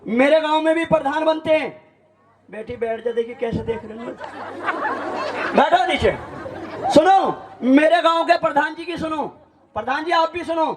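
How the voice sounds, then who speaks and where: A man's voice: very high-pitched, normal speed, pauses often, a crowd in the background, noisy background. A man, joking and teasing a live audience from an outdoor village stage on a handheld mic. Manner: teasing, chatty, laughing between jokes. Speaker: folk stage performer.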